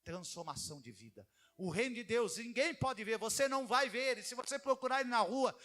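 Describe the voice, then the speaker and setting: High bright-voiced pastor preaching. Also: male voice, fairly quick. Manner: animated preaching, acting out quoted voices. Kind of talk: sermon.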